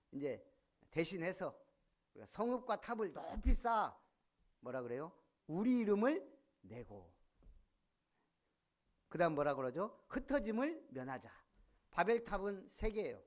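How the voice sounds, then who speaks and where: A male pastor preaching a sermon, often putting questions to the congregation. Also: sits high. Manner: animated, asks the congregation questions. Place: church sanctuary.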